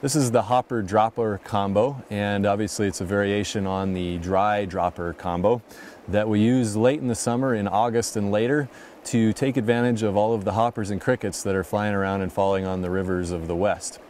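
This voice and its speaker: A man narrating a fly fishing lesson in a calm, explanatory manner. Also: on the low side, moderate pace, a little hiss or hum. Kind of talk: instructional voice-over narration.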